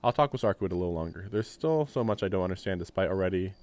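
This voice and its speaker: Speaking fast and animatedly in a deep, darkish voice, this man reads from a visual novel during a live stream and thinks out loud, dropping wry jokes at his own expense. It's casual let's-play commentary, captured dry, with faint game music in the background.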